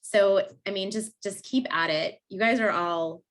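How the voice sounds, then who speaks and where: A woman in her thirties giving an energetic, casual motivational talk at a seminar, full of fillers and likes. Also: medium pitch, a little slow. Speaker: seminar speaker.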